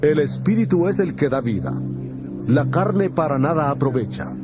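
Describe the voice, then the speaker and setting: A man playing Jesus as a solemn teacher, speaking in a measured, declamatory way in a dramatized scripture reading, with music behind him. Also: a little high, expressive, natural voice. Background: background music.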